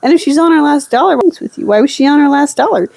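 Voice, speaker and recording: A woman's voice: high-pitched, animated, quick pace, vocal fry, a little mellow, no echo. A woman co-hosting a podcast with casual banter and dry, teasing interjections. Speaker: podcast co-host.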